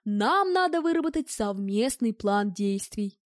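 A woman's voice: medium pitch, animated, a little slow, dry recording, studio quality, natural voice. A woman reading an audiobook and voicing a sweaty, talkative man who is pedantic and tries to keep the peace. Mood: chatty. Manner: chatty, know-it-all.

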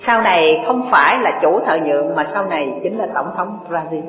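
A woman's voice: lowish voice, moderate pace. Woman, Buddhist sermon, chatty storytelling, tinny sound, roomy reverb. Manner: folksy, conversational, asks the audience questions. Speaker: Buddhist dharma teacher. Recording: tinny, echoey hall recording.

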